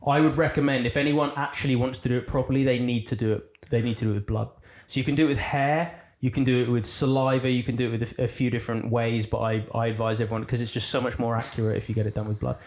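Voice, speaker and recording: A man talks through nutrition on a casual podcast, patient and explanatory with a dry teasing streak. His voice sits in an ordinary middle pitch. The recording has a noticeable roomy echo. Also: little pitch movement, fast talker, few pauses. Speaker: podcast guest, nutrition and fitness coach.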